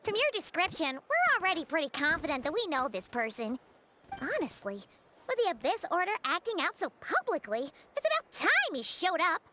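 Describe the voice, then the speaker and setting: A woman's voice: extremely high pitch, huge pitch swings, moderate pace, noisy background, full character voice. A woman voicing a small, blunt, chirpy floating girl companion in a game, talking casually and teasing. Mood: chatty. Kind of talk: game voice acting.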